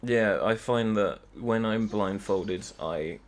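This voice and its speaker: A man's voice: fairly low pitch, slow pace. A young man hosting a let's play, giving casual, rambling commentary with dry jokes. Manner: dry joking, rambling asides.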